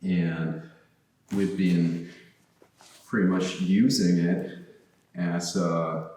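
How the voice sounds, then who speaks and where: Speaking extremely slowly in a warm, low voice with little pitch movement, a Chilean guest artist makes casual conversation. His talk is halting and full of fillers and restarts, echoing through the vast empty church sanctuary.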